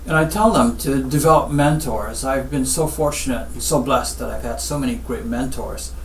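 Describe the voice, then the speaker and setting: A man from Guyana who works as a spinal surgeon, answering interview questions in a measured, instructive way. He often returns to what he tells his patients. The recording sounds roomy and slightly distant, with faint ambience behind him. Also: mid-range voice, a little hiss or hum. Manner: measured, advice-giving, repeats "I tell them".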